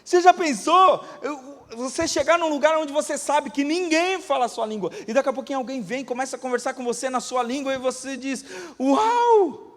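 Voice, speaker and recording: A Brazilian pastor with a Brazilian Portuguese accent delivers a sermon in a high, bright voice, the long ring of a church hall carrying his words. Brisk and expressive with few pauses, he tells stories dramatically, acting out the voices of those he quotes and swinging from loud to a hush.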